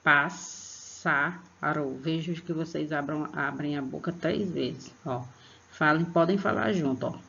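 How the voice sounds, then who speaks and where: Gravelly Brazilian teacher giving an online lesson. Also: medium pitch, a little hiss or hum. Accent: Brazilian Portuguese. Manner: patient, checks in with "tá?" after each point; spells out example words slowly. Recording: dull lo-fi recording.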